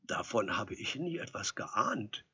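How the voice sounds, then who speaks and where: A man's voice: lowish voice, big pitch swings, a little slow, sharp tone, slightly rough, heavily acted. A man voicing an anxious, timid ordinary man who speaks hesitantly. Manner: hesitant, uneasy. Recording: dull lo-fi recording.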